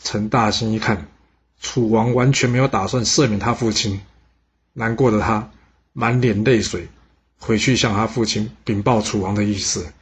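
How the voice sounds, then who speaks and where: A man telling a historical story in a lively spoken manner, with fillers. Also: on the low side, moderate pace, breathy edge.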